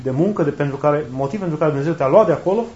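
A man's voice: on the high side, warm tone. Man preaching in an echoey room. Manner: conversational, rhetorical questions and repetition. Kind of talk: sermon. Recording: roomy, dull lo-fi recording.

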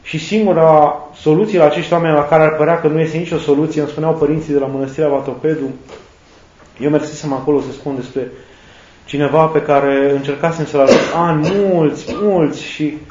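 A priest giving a sermon, slow and reflective, listing words one by one. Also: male voice, on the high side, fairly even intonation, darkish tone, slight background noise. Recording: echoey, dull lo-fi sound.

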